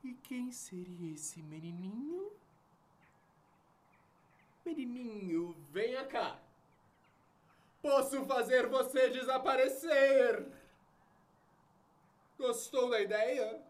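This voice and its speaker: A woman's voice: high-pitched, slow pace, pauses often. A woman playing a theatrical magician who announces like a circus ringmaster, grand and teasingly menacing, in a drama. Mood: teasing, sly. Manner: ringmaster showmanship, declamatory announcing.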